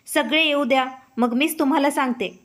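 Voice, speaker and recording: A woman voicing a harsh, sharp-tongued young wife who accuses loudly. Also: high-pitched, normal speed. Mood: shouting. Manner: loud, accusing.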